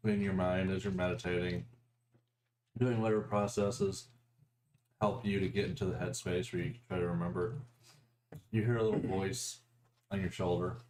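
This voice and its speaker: A man's voice: low voice, level tone, normal speed, long pauses, darkish tone. A man acting as game master, narrating and chatting casually with his players at a tabletop game. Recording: echoey room with noise.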